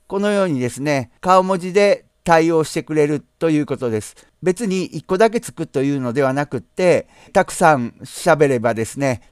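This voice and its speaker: A man from Nara, hosting a screen-share software tutorial in a polite, explanatory way, often pausing on drawn-out asides. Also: a little high, smooth, no echo, studio quality. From Nara, Japan. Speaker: channel host.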